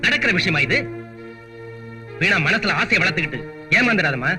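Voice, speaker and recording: Poor proud dad, grave and pleading, high bright voice. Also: male voice, sing-song, moderate pace, soft background music, exaggerated voice. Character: poor, proud father, protective. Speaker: actor in a film. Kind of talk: film dialogue.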